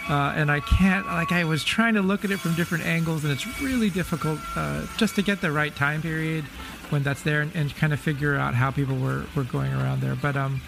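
A man's voice: on the high side, steady tone, fairly quick, gravelly, over music. A man co-hosting in casual chat, musing aloud in a tentative way.

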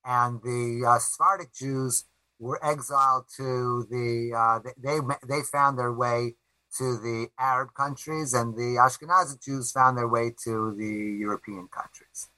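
Halting, bright-voiced middle-aged man. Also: medium pitch, fairly even intonation, no room sound, low-quality recording. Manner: halting, with many repeated words and restarts; earnest, emphatic. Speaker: rabbi and author being interviewed. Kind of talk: explanatory interview answers.

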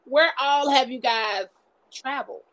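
A woman's voice: high-pitched, unhurried, fairly bright tone, low-quality recording. A woman in her forties hosting a casual interview, outspoken and joking, laughing often. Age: 40s. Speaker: host.

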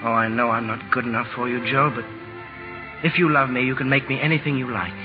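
Man acting an earnest young suitor, mid-pitched. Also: steady tone, fast, lightly acted. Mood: pleading, lovestruck. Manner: earnest, pleading. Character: ardent, boyish young suitor, devoted and humble. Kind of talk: 1940s radio drama acting. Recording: old lo-fi radio recording, music behind.

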